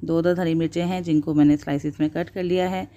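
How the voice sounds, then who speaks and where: A woman, narrating a home cooking tutorial as the channel's host, with steady step-by-step instruction and blessings for her viewers. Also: deep voice, fast, dull audio.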